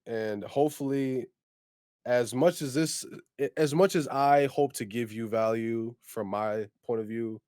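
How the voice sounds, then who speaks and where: A man's voice: medium pitch, a little slow, darkish tone, clean tone, no room sound, studio quality. A man in his twenties co-hosting a podcast in casual chat, speaking in a candid, reflective way. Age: 20s. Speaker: podcast co-host.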